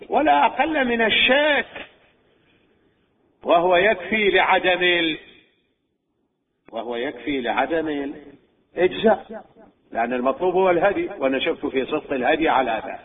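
A man teaching religious law in a scholarly lecture, measured and deliberate, posing questions and answering them himself. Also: fairly high pitch, breathy edge. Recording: tinny phone-like recording.

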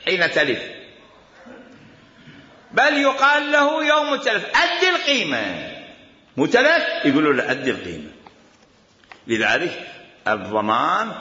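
A high, bright-voiced man with an Iraqi accent gives a jurisprudence lecture, his pitch leaping up and down as he argues. The dull, lo-fi recording carries the long echo of a hall. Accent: Iraqi Arabic. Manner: argumentative, repeats quoted commands, asks rhetorical questions. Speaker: teacher of Islamic law. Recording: echoey hall, dull lo-fi sound.

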